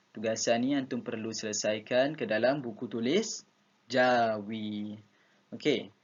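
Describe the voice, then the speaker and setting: Patient male teacher, dull lo-fi sound. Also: mid-range voice. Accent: Malaysian. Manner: patient, repeats instructions, says "ha" often. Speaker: primary school teacher. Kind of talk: online class lesson. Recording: dull lo-fi recording.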